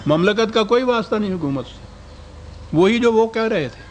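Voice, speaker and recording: A man's voice: high-pitched, expressive, slight background noise. An older man giving a scholarly lecture, reading out historical quotations and putting rhetorical questions to his audience.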